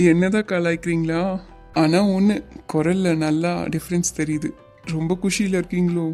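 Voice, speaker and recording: Woman doing a soft-spoken young man, cartoon, flat and low, coaxing. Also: moderate pace, faint music behind, close to an everyday voice. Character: gentle young man in love, reassuring and teasing. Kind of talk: animated web series dialogue.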